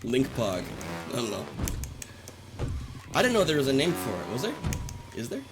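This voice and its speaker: A man live-streams a game with video game music running behind him, chatting playfully with viewers, joking, teasing and laughing often. His mid-range voice swoops wildly in pitch at a moderate pace.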